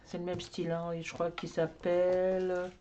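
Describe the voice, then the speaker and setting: A woman's voice: fairly low pitch, monotone, normal speed, mellow, lo-fi sound, slight background noise. A woman giving a casual show-and-tell of her coloring books, rambling and talking to herself as she searches for things. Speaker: craft vlogger.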